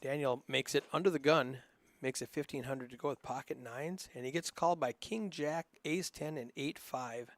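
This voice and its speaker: Chatty northern Minnesota poker commentator. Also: male voice, mid-range voice, moderate pace, no room sound. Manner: casual, chatty, rambling with frequent fillers. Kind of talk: live poker play-by-play commentary.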